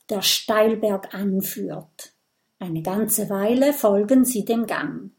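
A woman narrating a children's audiobook with slow, clear, expressive reading. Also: medium pitch. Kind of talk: scripted children's story narration.

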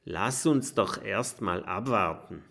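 Kokosnuss, a small, eager boy dragon, talks in a raised, boyish voice for a children's storybook, as a man reading aloud puts him on. His delivery is slow and lively, with a slightly gravelly texture. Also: on the low side, exaggerated voice. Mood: musing.

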